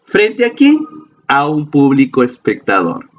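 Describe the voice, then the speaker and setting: A man's voice: a little high, wildly swooping pitch, a little slow. Male teacher from Peru, playful, quizzes the class and answers himself; slightly muffled recording. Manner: playful, asks questions and answers them himself. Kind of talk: classroom lecture video. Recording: slightly dull lo-fi sound with faint ambience.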